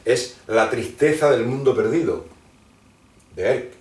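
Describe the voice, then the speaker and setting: A man from Argentina, a guest in a conversational interview, lectures at length about his ideas, often hesitating and restarting his sentences. His mid-range, darkish voice is expressive and a little slow. The distant mic gives a roomy sound.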